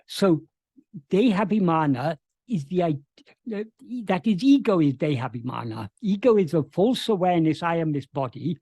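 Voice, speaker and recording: On a dry recording, a man with a high-pitched, mellow voice talks over a video call, earnestly answering questions with a spoken explanation of spiritual teachings. He stammers at the start of sentences and frequently begins them again.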